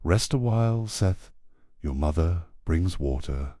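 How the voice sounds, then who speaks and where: Man playing Adam, a deep, gentle old father. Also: animated, takes it slowly, no room sound, clean studio sound, heavily acted. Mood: calm, fatherly. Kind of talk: scripted audio drama.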